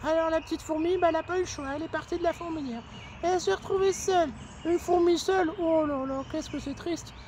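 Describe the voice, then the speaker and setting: A woman's voice: very high-pitched, fast, a little mellow, a little hiss or hum. A woman voicing a cheerful young male squirrel who tells a children's story in a chatty way, full of fillers. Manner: chatty, uses many fillers.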